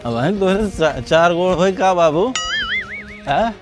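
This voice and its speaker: Man acting a high-pitched, slurring village drunk, Bhojpuri accent. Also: lively intonation, measured pace, faint music behind. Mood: pestering. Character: drunk village son, rambling and teasing his father. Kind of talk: rural comedy sketch acting.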